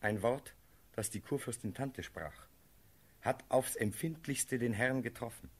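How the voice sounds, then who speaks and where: In a radio play, a male actor with a medium-pitched, husky voice plays a prince's loyal, anxious friend. He speaks verse in an earnest, measured and probing way.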